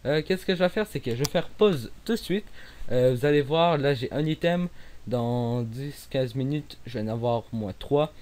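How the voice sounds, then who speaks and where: This young man from Quebec, Québécois French accent and all, gives casual commentary on his own gameplay at a normal speed. His mid-range voice is a little mellow, and he rambles with frequent fillers and restarts, occasionally nearly mumbling, over a faint hiss.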